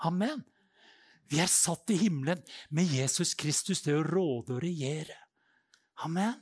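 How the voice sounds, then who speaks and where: A middle-aged man preaching a charismatic sermon, roaring loudly and then dropping to hushed, intimate passages. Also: a little high, expressive, slightly rough, no echo, studio quality. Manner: shouts and roars, swings between loud and hushed.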